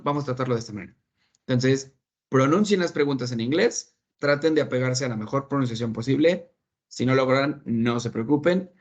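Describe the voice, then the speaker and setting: A man's voice: medium pitch, lo-fi sound. A man teaching an online English class, patiently explaining and checking that his students follow. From Mexico. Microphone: video call.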